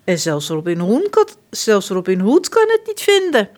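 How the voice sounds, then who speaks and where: A woman's voice: medium pitch, huge pitch swings, moderate pace, a little mellow. A woman voicing a loyal male outlaw disguised as a baker, sly and plain-spoken.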